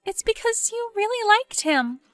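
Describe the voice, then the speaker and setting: A woman voicing an excitable, pushy young woman friend in an animated story, exclaiming and goading. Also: very high-pitched, normal speed, dry recording, pitched above the performer's own voice, exaggerated voice. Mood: worried.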